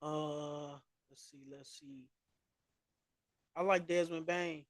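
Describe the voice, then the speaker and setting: Man for a casual sports podcast: high, dry, loose slangy delivery with plenty of trash talk. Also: flat delivery, slow pace, dry recording. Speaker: podcast co-host.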